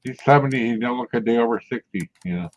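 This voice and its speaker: A man in his sixties talks fast in a mid-range, darkish voice, chuckling often as he chats casually and rambles through stories. The audio is muffled and lo-fi.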